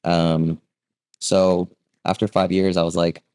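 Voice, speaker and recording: A man in his thirties who was born in Vietnam, a real estate agent speaking as a guest in a casual interview, relaxed and conversational with many fillers and a habit of asking "right?". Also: low voice, takes it slowly, smooth, no room sound, clean studio sound.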